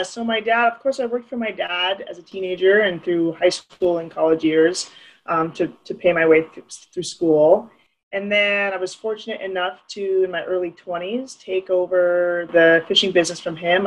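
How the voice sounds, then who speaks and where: A woman's voice: fairly low pitch, low-quality recording. Earnest woman raised in Alaska. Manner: earnest, with many ums and restarts. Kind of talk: casual interview answers.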